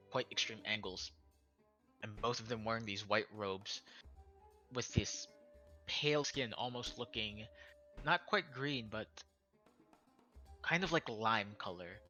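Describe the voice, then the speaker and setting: A man's voice: mid-range voice, bright, forceful tone, dull audio. A man narrating a tabletop game as game master, describing scenes with frequent restarts and self-corrections.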